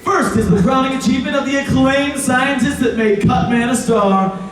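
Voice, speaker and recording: Man as very high-pitched flamboyant villain show host. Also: normal speed. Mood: sardonic, showy. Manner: theatrical, taunting showman. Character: flamboyant, sardonic male villain host Pegasus. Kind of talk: live stage show announcing. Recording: echoey hall from far off, background noise.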